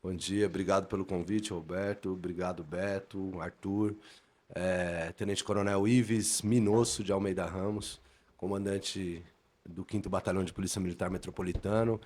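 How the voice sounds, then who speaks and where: A man's voice: deep voice, fairly even intonation, moderate pace, a little mellow. A middle-aged man from inland São state, a police officer guesting on a podcast, telling his story earnestly and formally, often repeating words as he thinks. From interior of São Paulo state, Brazil. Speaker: police lieutenant colonel, guest.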